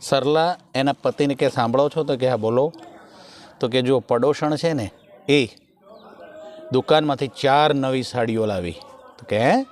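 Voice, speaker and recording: A man's voice: mid-range voice, moderate pace. A man with a Kathiyawadi Gujarati accent doing stand-up folk comedy, acting out the characters in his jokes. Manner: animated joke-telling, acting out characters' lines.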